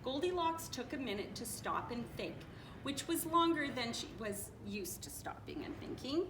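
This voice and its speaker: A woman reading a children's picture book aloud expressively, with dramatic pauses and playful asides. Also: high-pitched, sing-song. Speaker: storybook reader, teacher. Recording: roomy echo, clear background noise.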